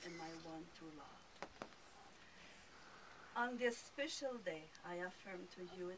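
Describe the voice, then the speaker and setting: A woman with a French accent, a bride, reading her wedding vows slowly and carefully. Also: mid-range voice. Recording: distant mic with loud ambient noise.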